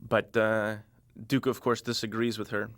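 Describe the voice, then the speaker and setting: Director recording DVD commentary, rambling, lowish, flat delivery. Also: male voice, normal speed, no echo. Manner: relaxed, rambling, many fillers.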